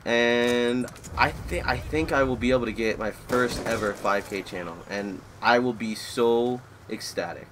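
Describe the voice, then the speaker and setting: A young man in his twenties talks casually over a shooter match, drifting between personal chat and reacting to the game. His voice sits at an everyday middle pitch, with faint game noise underneath. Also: a little slow, few pauses. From Florida, USA. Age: 20s. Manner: rambling, easily distracted by the match. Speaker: gaming YouTuber. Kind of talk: live gameplay commentary.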